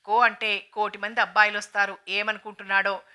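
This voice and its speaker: A woman's voice: medium pitch, flat delivery, fairly quick, pushed and bright, lightly acted. A woman reading the lines of an outspoken, affectionate young sister-in-law who scolds and teases. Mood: scolding.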